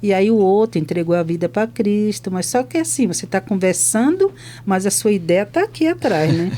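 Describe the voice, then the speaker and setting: Older woman, chaplain; warm, mellow voice; lively storyteller who acts out the dialogue. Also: mid-range voice, moderate pace, a little hiss or hum. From Brazil. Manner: lively retelling that acts out both sides of conversations. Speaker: hospital chaplain. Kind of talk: podcast testimony storytelling.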